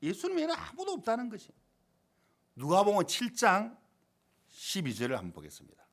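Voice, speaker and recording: A man's voice: high voice, wildly swooping pitch, a little fast, vocal fry. A male pastor delivering a sermon, emphatic, with rhetorical questions and retold stories. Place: church sanctuary.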